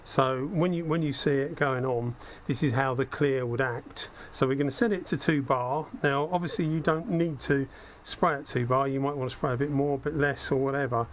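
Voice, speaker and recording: A hobbyist host runs through spray gun equipment in a mid-range, slightly croaky voice that sounds like he has a cold. He speaks at a normal speed with hardly any pauses, thinking aloud and making self-deprecating asides in a conversational way. Steady workspace noise sits behind the head-mounted action camera audio.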